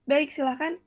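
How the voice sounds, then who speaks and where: A young woman with a high voice teaches a class over a video call, laying out each point step by step and putting questions to her students. Her voice comes through tinny and dry, like a phone line. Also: dry recording. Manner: explains step by step, quizzes the class. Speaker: teacher in a practice lesson.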